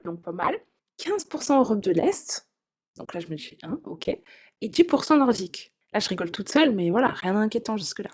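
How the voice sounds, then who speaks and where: This is a young woman recounting something that happened to her, in a relaxed, confessional tone. She talks casually, dropping in filler sounds and little asides to whoever is listening. Her voice sits at an ordinary middle pitch. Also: slightly rough. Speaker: storyteller. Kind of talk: first-person confessional storytelling.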